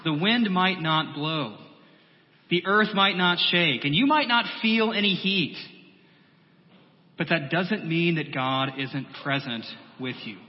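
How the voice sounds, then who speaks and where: A male pastor delivering a measured sermon, building through repeated phrases and dropping to a soft, quiet voice. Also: a little high, animated. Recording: long hall reverb, muffled sound.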